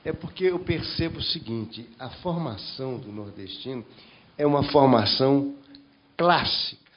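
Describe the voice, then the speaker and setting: This panel member, a man from Brazil's Northeast, talks at length and keeps restarting sentences. He speaks a little slowly in a medium pitch, and the audio has its high frequencies cut off.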